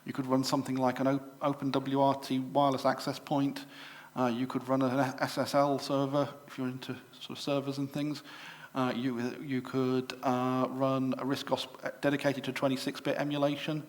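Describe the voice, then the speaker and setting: A man's voice: medium pitch, monotone, moderate pace. Chatty English man demoing at a show. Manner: chatty, with frequent fillers and self-corrections. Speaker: presenter at a computer club show. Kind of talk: live product demonstration to an audience. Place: exhibition room at a club show.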